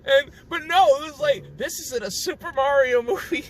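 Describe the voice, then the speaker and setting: A young man hosting a casual movie review chat, excitable and profane, acting out scenes as he talks. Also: extremely high pitch, moderate pace, a crowd in the background. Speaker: host.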